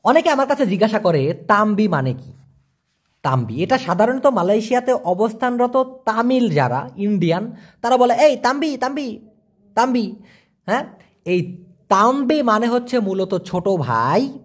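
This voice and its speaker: Lively man teaching vocabulary. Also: sits high, slightly rough. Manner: repeats each word slowly, chatty asides. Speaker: language teacher. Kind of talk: casual vocabulary lesson.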